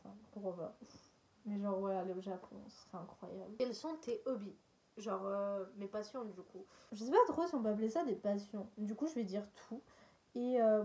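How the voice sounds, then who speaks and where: A woman's voice: mid-range voice, dark tone. A young woman chatting casually as she answers viewer questions, hesitant and full of fillers and small laughs. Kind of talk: casual chat.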